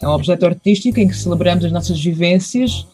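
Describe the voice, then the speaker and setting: An actress speaks warmly and celebratorily in a news interview. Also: medium pitch, fast.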